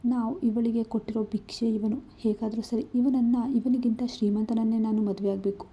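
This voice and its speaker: A woman's voice: on the high side, steady tone, a little fast, mellow, husky. A woman voicing a snobbish, envious young woman who sneers at her rival. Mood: sneering.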